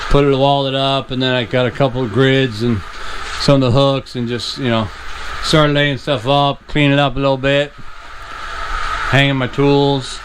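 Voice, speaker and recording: A man's voice: medium pitch, level tone, moderate pace. A man talking casually and offhandedly in an unscripted vlog, recorded on an action-camera mic with a windscreen. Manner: offhand, unscripted, trailing asides. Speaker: vlogger. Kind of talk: casual rambling vlog narration. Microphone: action camera with external mic and fuzzy windscreen. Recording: windy, noisy outdoor action-camera mic.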